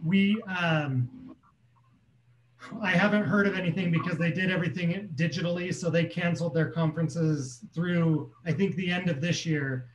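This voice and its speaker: A man's voice: fairly high pitch, steady tone, normal speed, lo-fi sound, slight background noise. Man leading a video call meeting. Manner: explains plainly, with many ums. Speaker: community council chair. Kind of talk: casual meeting talk. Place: small room at home. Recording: echoey room.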